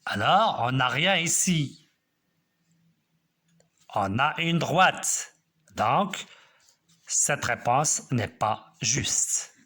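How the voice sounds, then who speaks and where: A man teaching a math lesson, explaining slowly step by step and checking that students follow. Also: mid-range voice, animated, bright, forceful tone.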